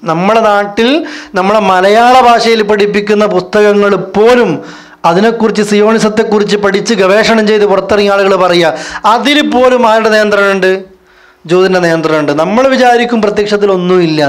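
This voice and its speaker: An Islamic preacher gives a religious lecture, posing rhetorical questions and answering them himself. His voice is high-pitched and fairly quick.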